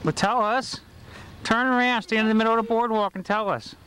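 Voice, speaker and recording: A woman's voice: a little high, fairly even intonation, fairly quick, fairly bright tone, low-quality recording. Woman on hissy old camcorder audio. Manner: coaxing, prompting children to talk. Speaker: parent filming a home video. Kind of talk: casual home video chat.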